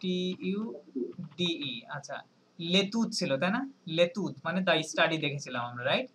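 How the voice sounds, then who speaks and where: A man teaching a French lesson on a video call, explaining slowly, spelling words letter by letter and often checking in with his students. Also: high-pitched, expressive, a bit bright, slight background noise, rough recording. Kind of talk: online language lesson.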